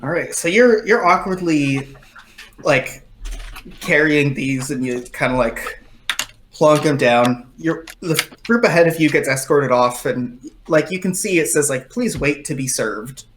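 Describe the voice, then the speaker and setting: A man's voice: on the high side, a little slow, fairly bright tone, roomy sound, a little hiss or hum. A man narrating a tabletop role-playing game as game master, describing scenes with many fillers.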